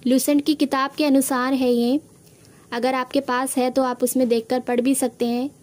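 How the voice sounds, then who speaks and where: A woman with a high-pitched voice teaches a Hindi spelling lesson. She explains each word patiently and step by step, talking to her students as children. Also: flat delivery, normal speed, a little mellow.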